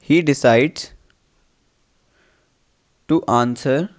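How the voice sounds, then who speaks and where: A male teacher reads an English dictation in a mid-range voice, going deliberately phrase by phrase and repeating each one.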